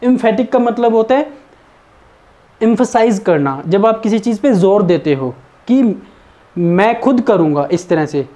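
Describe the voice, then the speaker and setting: A man teaching an exam-prep English grammar lesson, reading out his example sentences slowly and deliberately. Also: sits high, animated, mellow.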